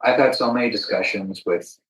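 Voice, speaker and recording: Hosting a conversational podcast, this man speaks in a distinctly low, fairly bright voice. He is reflective and halting, frequently going back over his words, while a clear room echo surrounds him.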